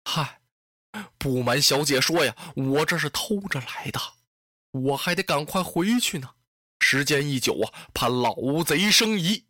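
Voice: mid-range voice, lively intonation, measured pace, sharp tone, no room sound, studio quality. A storyteller playing a young general who is lovestruck and anxious, declaiming his vows emphatically. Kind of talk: traditional storytelling.

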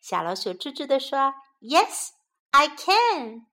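A woman voicing a tiny, timid mouse in a children's storybook, with a squeaky, pleading voice. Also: sing-song, takes it slowly, bright, forceful tone, heavily acted. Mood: eager.

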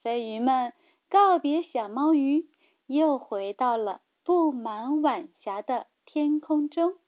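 A woman narrating a children's story in a gentle, sing-song way. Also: high-pitched, animated, slow. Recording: tinny phone-like sound.

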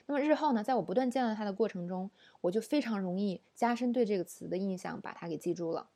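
Female English teacher, warm low-key timbre, chatty explanatory lecture style. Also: fast talker. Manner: explanatory, uses many fillers and rhetorical questions. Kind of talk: online lesson lecture.

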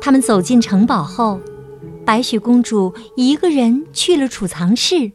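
Gentle woman storyteller over music. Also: on the high side. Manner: gentle, slow and expressive. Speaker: children's storyteller. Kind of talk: scripted children's story narration. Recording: narration over loud music.

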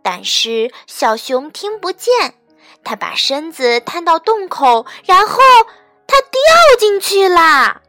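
Woman storyteller reading a children's picture book, gentle and expressive. High, dry, faint music behind. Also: takes it slowly, no echo. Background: faint background music.

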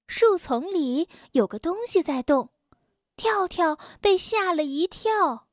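A woman telling a story to children in a gentle, clear way, calling herself a big sister. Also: very high voice, expressive, slow pace, no echo, clean studio sound.

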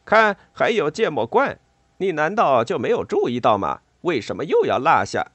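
A man voicing a cheerful, confident male water rat in a storybook reading, chiding and lively. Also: mid-range voice, measured pace, no echo. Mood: scolding.

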